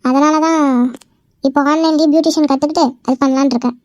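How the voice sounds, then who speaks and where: A woman's voice: high voice, steady tone, fast, darkish tone, no echo, studio quality, close to an everyday voice. A woman voicing a blunt, sassy young woman in an amateur cartoon.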